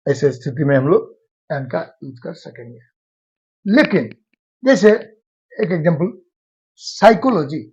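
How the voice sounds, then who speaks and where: Slow, husky man teaching grammar. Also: on the high side, darkish tone. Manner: slow, repetitive, drawn-out explaining. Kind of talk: grammar lesson. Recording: dull lo-fi sound.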